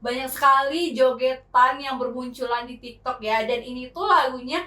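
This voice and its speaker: Bubbly podcast host lady, high chatty voice, kinda far from the mic in an echoey room. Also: steady tone, moderate pace, sharp tone. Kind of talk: casual podcast chat.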